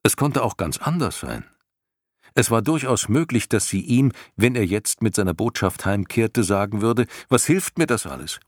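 A man narrating an audiobook in a measured, expressive storytelling manner. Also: on the low side, dry recording, clean studio sound. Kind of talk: scripted narration.

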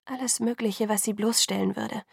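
A woman's voice: fairly high pitch, fairly even intonation, normal speed, gravelly, slightly rough, no room sound, studio quality, exaggerated voice. A woman voicing an anxious young woman who speaks urgently and often drops to a whisper. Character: anxious young woman pleading in hushed tones.

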